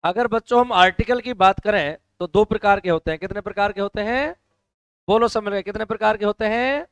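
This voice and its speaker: A male teacher with a hoarse throat, lecturing a classroom and loudly quizzing the students to answer together. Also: high voice, a little fast, no room sound. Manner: loud call-and-response questioning of students.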